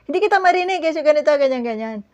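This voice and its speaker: A woman's voice: high voice, animated, rapid-fire, a little mellow, dull audio, voice pushed up. Woman quoting a pushy phone debt collector. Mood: demanding. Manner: insistent and demanding.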